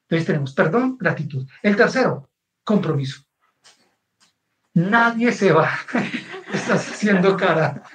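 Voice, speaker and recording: A man with a Colombian accent tells a story in an interview, his voice sitting a little higher than most men's. He is animated and keeps checking that his listener is following along. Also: measured pace, long pauses, low-quality recording. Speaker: guest author. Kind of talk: conversational storytelling.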